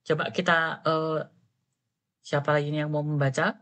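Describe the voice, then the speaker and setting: Low-voiced firm language teacher woman. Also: level tone, moderate pace, a bit bright. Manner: firm, corrective, drills pronunciation. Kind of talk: online Korean lesson in Indonesian.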